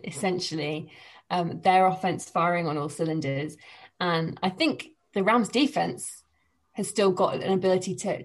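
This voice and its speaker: An English woman, a sports presenter, chatting casually on a podcast from home with quick laughs. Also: lowish voice. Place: living room at home.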